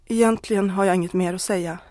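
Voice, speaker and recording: A woman's voice: on the low side, steady tone, a little mellow, dry recording, close to an everyday voice. Woman reading a torn wife confessing. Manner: earnest, pleading, close to tears.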